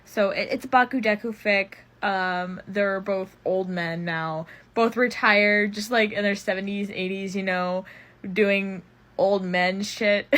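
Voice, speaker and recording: A woman's voice: medium pitch, fairly bright tone. A young woman casually chatting as she recommends fanfiction, rambling with frequent fillers and laughs. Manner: rambling, lots of "um" and "like", laughs often. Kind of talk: casual chat.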